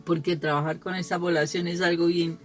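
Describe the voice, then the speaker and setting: A woman's voice: fairly low pitch, level tone, fairly quick, soft background music. A middle-aged woman gives a conversational gospel reflection for families. She tells personal stories, laughs often and restarts her phrases as she goes. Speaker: lay speaker giving a family gospel reflection.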